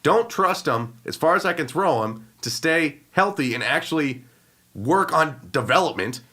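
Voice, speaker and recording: Male podcast co-host, slightly high voice, exasperated and emphatic. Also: lively intonation, normal speed, pushed and bright. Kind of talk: casual sports podcast chat.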